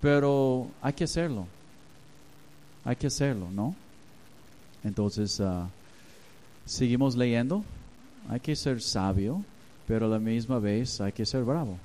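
A man's voice: medium pitch, slow, long pauses, slight background noise, rough recording. A man preaching a sermon, telling stories and acting out the voices in them. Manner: animated, acts out voices in anecdotes. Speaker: pastor. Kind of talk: sermon with storytelling.

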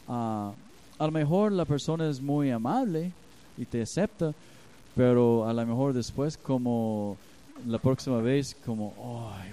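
A man's voice: mid-range voice, mellow, clear, resonant tone, low-quality recording. A man preaching a sermon, reading scripture aloud and then explaining it with stories from his own life. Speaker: pastor.

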